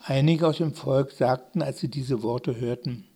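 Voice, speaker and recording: A man reading scripture aloud in a slow, measured way with long pauses. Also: medium pitch, mellow, husky. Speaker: scripture reader. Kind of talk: scripted narration.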